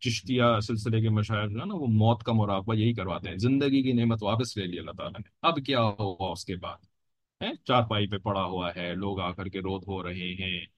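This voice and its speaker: A man's voice: lowish voice, moderate pace, no room sound, highs cut off. Dry-voiced man teaching a sermon. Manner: explanatory, repeats phrases, frequent "theek hai" check-ins. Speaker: religious teacher. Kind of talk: Islamic sermon lecture.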